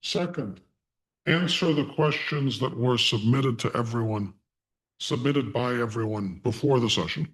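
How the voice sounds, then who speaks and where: Male online instructor, voice electronically disguised to sound deep and unclear, speaking in measured phrases. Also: rough recording. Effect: voice changer giving a disguised deep, Darth Vader-like voice. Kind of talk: live online lecture. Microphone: online video call through a voice changer.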